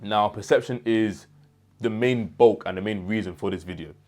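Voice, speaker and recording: A man's voice: fairly low pitch, normal speed, darkish tone. A young man giving earnest motivational advice straight to camera, repeating words and restarting as he goes. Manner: earnest and advising, with repetitions and restarts. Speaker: self-improvement creator.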